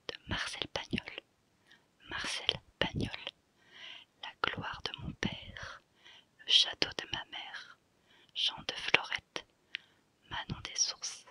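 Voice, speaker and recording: A woman whispering softly in a hushed, breathy library whisper, reading out a list in an ASMR style and repeating phrases.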